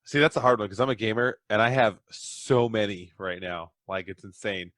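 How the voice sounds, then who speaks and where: A man's voice: lowish voice, moderate pace, fairly bright tone, no echo, clean studio sound. A man chatting casually as a podcast guest, rambling through stories with a self-deprecating streak. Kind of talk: casual chat.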